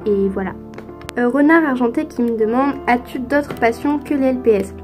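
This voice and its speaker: Chatty teenage girl, high voice. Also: moderate pace, a little mellow, faint music behind. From France. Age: teens. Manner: chatty, hesitant, many fillers. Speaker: youtuber. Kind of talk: casual Q&A vlog.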